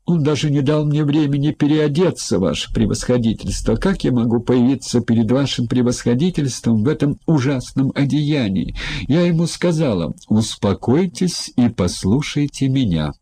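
A man's voice: mid-range voice, lively intonation, moderate pace, mellow, husky, pitched above the performer's own voice. A man voicing a whining, fawning middle-aged brothel madam who pleads servilely in an audiobook.

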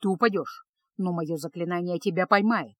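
A woman voicing a gruff, stubborn male mage who talks curtly and matter-of-factly. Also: lowish voice, moderate pace, dry recording, voice pushed down, close to an everyday voice. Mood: businesslike. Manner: curt, matter-of-fact.

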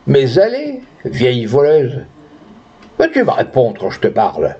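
A man's voice: medium pitch, huge pitch swings, unhurried, dark tone, slightly rough, full character voice. Man doing a cruel pompous rich landowner. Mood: furious. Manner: boastful, then furious and bullying. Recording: dull lo-fi recording.

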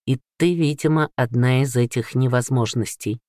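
A man voicing a troubled, greying middle-aged father, a patient who speaks slowly and wearily. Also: mid-range voice, a little mellow, no room sound, studio quality, natural voice. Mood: weary.

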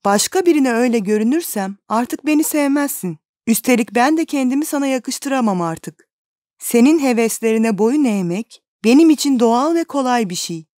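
A woman reading the lines of a gentle, devoted young woman, speaking tenderly and pleadingly. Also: on the high side, dry recording, studio quality, pitched above the performer's own voice, lightly acted.

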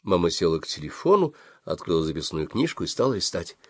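A man narrating an audiobook in a quiet, understated manner. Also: deep voice, very animated, fast talker, no echo, studio quality. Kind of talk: scripted narration.

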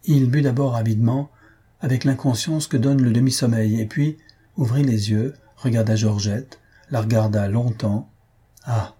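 A man calmly narrating a novel as an audiobook reader. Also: medium pitch, normal speed, slightly rough.

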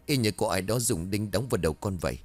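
A man's voice: on the low side, animated, quick pace, dry recording. A man voicing a sick, weak teenage son in pain, in a spoken ghost story. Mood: weak suffering. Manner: weak, strained complaints.

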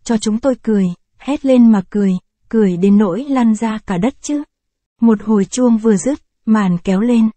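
A woman narrating a short story in a calm, even storytelling manner, close to the mic. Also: on the high side, moderate pace. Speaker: audiobook narrator. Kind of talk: scripted short story reading.

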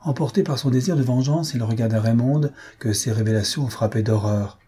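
A man reading a classic adventure novel aloud as an audiobook narrator, dramatic and measured. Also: medium pitch, warm tone, husky. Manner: dramatic reading, voicing characters lightly. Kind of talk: scripted narration.

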